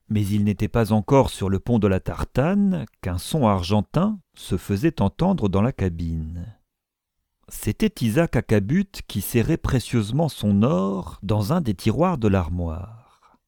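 A man narrates a classic novel, expressive and measured. His voice is low, gravelly and dark, with lively pitch movement. The sound is dry and close. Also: no room sound.

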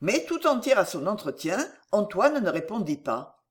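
An audiobook narrator reading a novel aloud with expressive, varied intonation. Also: medium pitch, moderate pace.

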